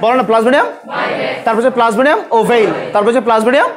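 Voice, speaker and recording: A man's voice: very high-pitched, very fast, a crowd in the background. A male biology teacher lecturing a class, drilling students with repeated questions and scolding those who talk.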